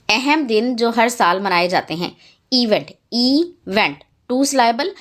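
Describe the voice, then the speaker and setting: A woman teacher, reading English textbook answers slowly and translating each line. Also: medium pitch. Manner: reads English lines slowly, then translates. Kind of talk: textbook lesson explanation.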